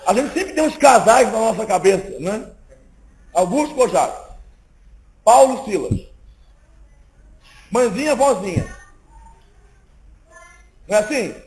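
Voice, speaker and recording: A man delivers a sermon in a lively, conversational way, acting out little exchanges between people. His voice sits unusually high for a man. A faint hiss runs underneath. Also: unhurried, pauses often, rough recording. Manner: lively, conversational preaching that acts out little dialogues. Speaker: preacher. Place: church meeting, indoors.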